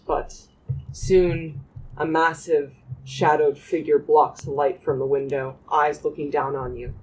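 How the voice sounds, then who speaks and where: A man narrating a tabletop role-playing game as game master, in slow, descriptive second-person scene-setting. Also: on the high side, poor audio.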